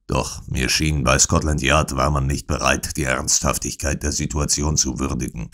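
A man doing a gruff, cold old moneylender. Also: extremely low pitch, little pitch movement, normal speed, fairly bright tone. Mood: gruff irritated. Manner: gruff, irritated, growling. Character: cold hard-hearted older male moneylender. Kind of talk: audiobook character voice.

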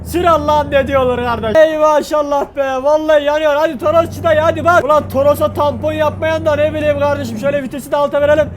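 Brief: a high-pitched man hamming it up as a grumbling trucker in gaming commentary. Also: little pitch movement, fast talker, few pauses, slight background noise. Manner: dramatic, rowdy, swears and grumbles. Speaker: gaming YouTuber. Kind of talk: comedic role-play commentary while playing a truck game.

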